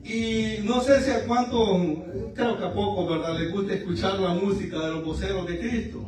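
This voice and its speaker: A man's voice: sits high, fairly even intonation, moderate pace. A man preaching a fervent evangelical sermon at a church service, mixing teaching with an emotional personal testimony. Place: church service in a large room. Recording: very echoey room, voice far from mic.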